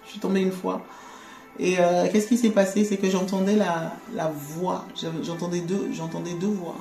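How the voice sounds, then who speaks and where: A woman giving a conversational faith testimony, animated, laughing often and repeating words. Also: on the low side, normal speed. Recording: echoey room with faint music.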